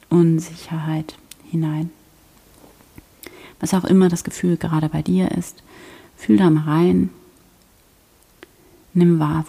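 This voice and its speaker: A woman guiding a prayer meditation in a soft, slow, half-whispered voice. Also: deep voice, creaky, breathy edge. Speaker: prayer guide.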